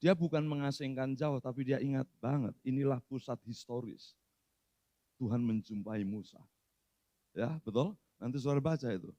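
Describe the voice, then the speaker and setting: A middle-aged male pastor preaching a sermon in a church, swinging between loud outbursts and soft asides. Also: mid-range voice, normal speed, dry recording.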